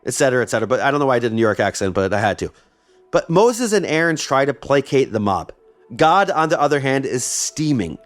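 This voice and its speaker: A man narrates a history podcast from a script and slips in wry, chatty asides. His voice sits at an ordinary middle pitch. Faint music plays behind him. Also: sing-song, fast talker. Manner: wry, conversational. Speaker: podcast host.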